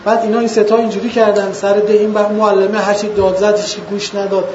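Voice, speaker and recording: A man lecturing students in an earnest way, asking rhetorical questions and slowing down to stress points. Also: sits high, level tone, a little mellow, a little hiss or hum. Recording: echoey, dull lo-fi room recording.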